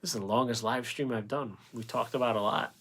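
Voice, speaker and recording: A man hosting a painting livestream in casual chat. He rambles, answers the chat aloud and thanks viewers by name, and his voice is going a bit hoarse from talking so long. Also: medium pitch, fairly even intonation, a little fast, fairly bright tone. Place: home painting setup with ring light.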